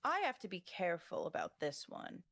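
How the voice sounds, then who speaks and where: A woman's voice: lowish voice, very animated, fairly bright tone, no room sound. Guest on a voice chat, young woman, bubbly and profane, dry close sound. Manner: bubbly, swearing, quick storytelling. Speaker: guest streamer. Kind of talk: casual voice chat.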